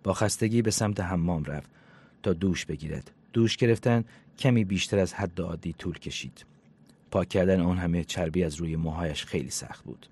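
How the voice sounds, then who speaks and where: A man narrating an audiobook in an even, measured storytelling manner. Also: low voice, husky.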